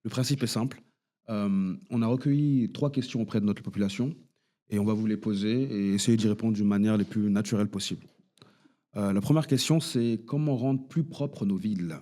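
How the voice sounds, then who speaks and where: Low-voiced male debate host. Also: moderate pace, mellow. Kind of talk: moderating a political debate.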